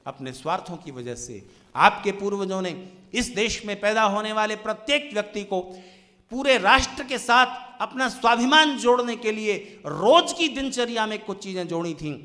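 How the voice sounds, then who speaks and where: Impassioned male preacher, high bright voice. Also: expressive. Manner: impassioned oratory, swinging from loud declarations to hushed, drawn-out lines. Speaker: Arya Samaj preacher. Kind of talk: Hindi sermon on national pride. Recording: long hall reverb.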